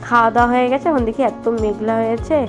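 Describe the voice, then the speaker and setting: Young woman home vlogger, chatty and casual, slightly high voice, music bed behind. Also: fairly even intonation, very fast. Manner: chatty, many fillers, addresses viewers as guys; speaks softly so as not to wake her baby. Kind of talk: casual home vlog narration. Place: home kitchen and bedroom, indoors.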